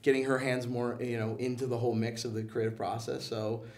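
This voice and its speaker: The guest, a man working as a comic book and animation producer, chats casually with plenty of enthusiasm, slang and humor. His medium-pitched, darkish voice has little pitch movement and runs a little fast. He sounds somewhat removed from the microphone.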